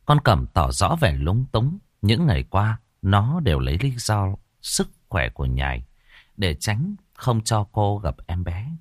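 A man narrating an audiobook in a measured, expressive way. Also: fairly low pitch, dry recording, clean studio sound. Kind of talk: scripted narration.

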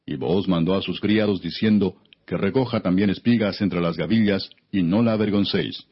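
A man narrating scripture as an audiobook in a solemn, measured reading style. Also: deep voice, steady tone, breathy edge. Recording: dull, muffled lo-fi recording.

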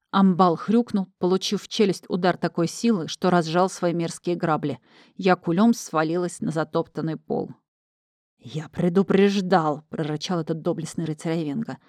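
A woman reads a comic first-person audiobook with lively, wry delivery. Her voice sits on the low side, and the recording is close and dry. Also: no echo. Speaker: audiobook narrator.

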